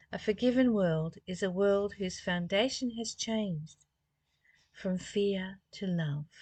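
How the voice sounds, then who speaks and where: Here a woman of medium pitch reads from a spiritual text and reflects on it casually, asking rhetorical questions as she goes. There's no echo on the recording.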